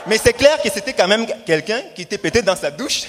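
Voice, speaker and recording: A man with a high-pitched, very animated voice delivers punchy stand-up comedy. He acts out his stories theatrically and repeats phrases for emphasis. The sound rings with the long reverb of a hall. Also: fairly quick. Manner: theatrical storytelling with acted-out dialogue and emphatic repetition. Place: live show in a hall. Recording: echoey hall, distant reverb, background noise.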